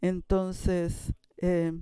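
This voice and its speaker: A preacher giving a sermon, telling a story in a halting way with frequent restarts and sudden shifts between loud and soft. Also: medium pitch, completely flat delivery, clean tone, no echo.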